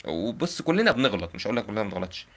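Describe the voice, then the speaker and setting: Fast-talking young Egyptian man, low voice. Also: sing-song, a bit bright. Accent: Egyptian Arabic. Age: young adult. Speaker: prank caller giving advice. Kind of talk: earnest informal advice on a live call.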